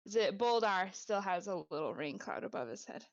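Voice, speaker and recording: A woman narrating a tabletop game as game master, relaxed and hesitant. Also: mid-range voice, a little fast, no echo. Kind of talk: running a tabletop game over a call. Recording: dull dry home mic.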